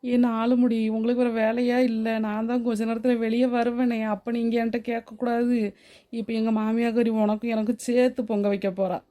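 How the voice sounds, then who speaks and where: A woman's voice: a little high, little pitch movement, a little fast, mellow, natural voice. [name], a woman voicing a sarcastic young daughter-in-law. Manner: mutters sarcastic asides. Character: sharp-tongued young daughter-in-law, grumbling.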